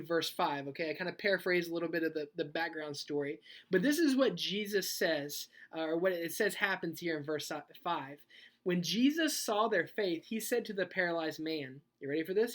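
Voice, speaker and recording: Brief: woman youth pastor, fairly low voice, casual storytelling sermon with frequent check-ins. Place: church youth service.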